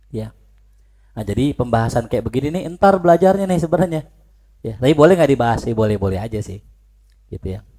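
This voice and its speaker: Seorang pria mengajar pelajaran agama dengan santai, dengan logat Betawi, banyak bertanya lalu menjawab sendiri. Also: male voice, medium pitch. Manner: lively, playful, asks questions then answers them himself. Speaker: religious teacher. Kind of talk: informal religious lesson.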